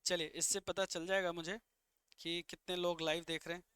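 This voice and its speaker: Bright clear-voiced teacher running a live class. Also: male voice, high voice, level tone, normal speed, dry recording. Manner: explains English words in Hindi, coaxing viewers to comment. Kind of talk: live online English vocabulary class.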